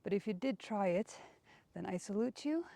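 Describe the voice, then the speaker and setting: A young woman speaks at normal speed with an animated, medium-pitched voice that is warm yet gravelly, with no room sound. As host and instructor of an outdoor workout, she chats casually and encouragingly, and English is not her first language.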